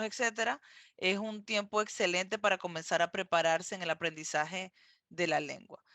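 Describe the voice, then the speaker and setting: A man with a bright, forward voice talks on a casual podcast. He speaks hesitantly, repeating words and filling pauses as he explains, recorded with a dry, close sound. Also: high voice, clear, resonant tone, no echo. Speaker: podcast co-host, immigrant in Montreal.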